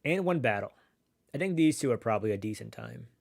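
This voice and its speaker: A man's voice: mid-range voice, expressive, fast, creaky. A man streaming live from his computer, chatting casually while he eats, rambling and swearing with lots of "like" and restarts. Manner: rambling, profane, full of "like" and restarts; chews and munches while talking.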